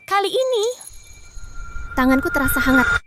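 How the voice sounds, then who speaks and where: An actress dubbing a young empress in a historical drama, speaking in a wry, thoughtful way. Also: female voice, high voice, very animated, normal speed, heavy background noise. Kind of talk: Indonesian drama dub.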